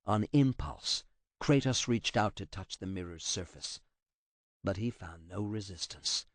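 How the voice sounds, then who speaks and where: Expressive low-voiced male audiobook narrator. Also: measured pace, no echo.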